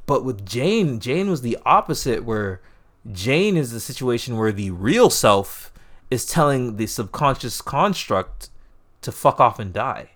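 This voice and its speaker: A man's voice: medium pitch, a little slow. A man co-hosting a casual podcast, talking about a TV show. He swears often and jumps into voices as he retells scenes. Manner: profane, animated retellings of scenes. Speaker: podcast co-host. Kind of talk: casual TV review chat.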